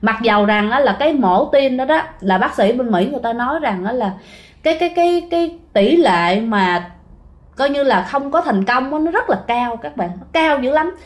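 A woman's voice: sits high, lively intonation, moderate pace. Chatty woman telling ghost stories. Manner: chatty, keeps addressing listeners directly. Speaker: ghost story narrator. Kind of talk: casual spoken storytelling.

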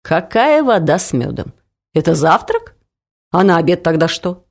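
An imposing, flustered mother-in-law in a storybook, played by a woman reader, firing off disbelieving questions. Her pitch swings widely from line to line. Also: big pitch swings, normal speed. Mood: incredulous. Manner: incredulous, questioning.

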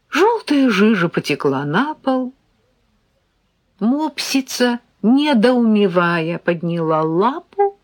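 Brief: woman audiobook narrator, slow and expressive, lively pitch. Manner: expressive, animated reading. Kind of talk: scripted narration.

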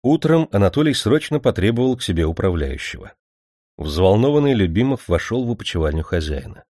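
Man reading a novel out loud, kinda low voice, dry studio sound. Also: very animated, fairly quick, dry recording. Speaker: narrator. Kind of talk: audiobook narration.

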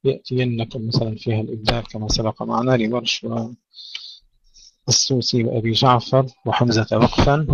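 Man, recitation teacher, mid pitch, precise and demonstrative; muffled, dry lo-fi recording. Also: vocal fry, no room sound. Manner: careful, demonstrates pronunciation. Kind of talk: tajweed lesson with recited examples.

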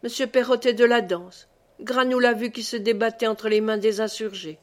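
A woman's voice: a little high, fairly even intonation, normal speed, natural voice. A woman reading the part of a pompous, sullen provincial husband with a curt, condescending manner, for an audiobook.

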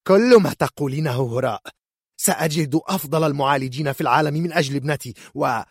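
A shrill, furious noble mother, as a man puts her on for a storybook reading, raised far above his own voice and loud with outrage. The sound is husky and dry, close with no room around it. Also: quick pace, no room sound. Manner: outraged, indignant shouting. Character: furious proud noble mother, older woman.

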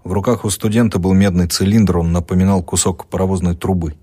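A man narrating an audiobook in a measured, expressive storytelling manner. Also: low-pitched, breathy edge.

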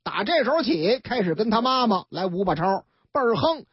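Man, Beijing accent, radio storyteller, chatty, very lively intonation, husky, dry dull broadcast sound. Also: sits high, brisk, no echo. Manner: chatty, acts out every character. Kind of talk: colloquial crime story narration.

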